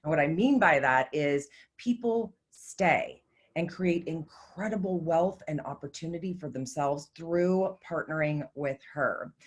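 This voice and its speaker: A woman with a slightly low voice hosts a live stream. She reads a scripted introduction in an upbeat, emphatic, promotional tone. She speaks over a video call. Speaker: host.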